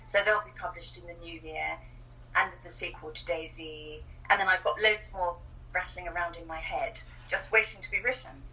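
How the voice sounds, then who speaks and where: Woman in her 60s, bright voice, kinda far off on a video call, faint hiss behind. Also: lowish voice, moderate pace. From New Zealand. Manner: chatty, self-deprecating, animated storytelling. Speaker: author guest. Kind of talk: casual interview chat. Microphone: remote video call. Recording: distant call audio with faint noise.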